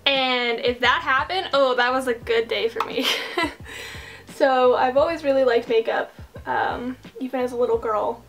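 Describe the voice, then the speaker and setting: Young woman, high voice, casual makeup chat, rambling asides, faint music behind. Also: fairly even intonation, moderate pace, fairly bright tone. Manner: chatty and self-deprecating, rambling asides. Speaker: streamer and vlogger. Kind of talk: casual get-ready-with-me chat. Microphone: desk microphone.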